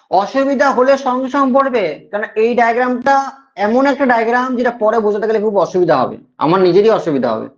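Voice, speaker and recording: The audio is dull and lo-fi as a high-voiced male teacher with a Bengali accent lectures his class. He restates important points and frequently checks that students understand.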